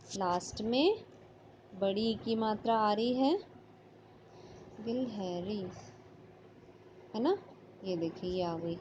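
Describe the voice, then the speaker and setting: Slow, patient woman teacher. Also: mid-range voice, noisy background. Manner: slow, patient, sounding out letters. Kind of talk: online class lesson. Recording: slightly dull lo-fi audio.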